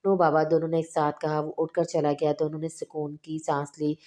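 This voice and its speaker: Female audiobook narrator, flat and even, dark tone. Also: deep voice. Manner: steady, measured reading with small restarts. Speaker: novel reader.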